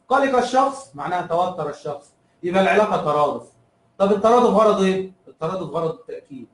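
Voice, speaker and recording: Egyptian male teacher, high-pitched and quick, drills terms by repeating them, echoey room, off-mic. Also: recorded from a distance. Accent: Egyptian Arabic. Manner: asks and answers his own questions, repeats key terms. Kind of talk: recorded review lesson.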